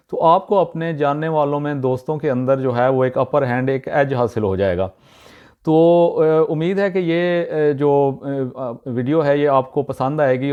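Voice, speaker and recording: A man teaches pronunciation in a YouTube lesson, slowly repeating example words with many "uh" pauses. His voice is medium-pitched and smooth, and the audio sounds dull.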